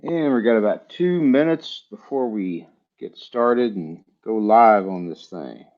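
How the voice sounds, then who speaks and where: A man from Texas hosting a live comic book sale stream, talking in a relaxed, chatty way with many fillers. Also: fairly low pitch, a little slow, muffled recording. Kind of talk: casual live-stream sales chat.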